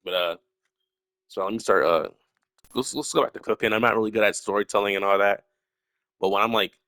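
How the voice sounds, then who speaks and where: With a lowish, sharp-toned voice and a fairly quick pace, this young man talks on and on in a casual monologue for his solo video channel. He stutters, and his speech is packed with fillers and false starts. The recording is dry.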